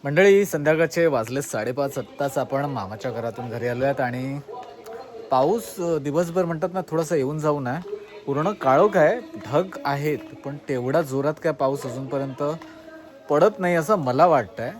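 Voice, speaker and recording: This man's voice sits on the high side, and he talks at a normal speed. He's a talkative village vlogger from Maharashtra's Konkan region, casually narrating while addressing his audience collectively and urging them to comment.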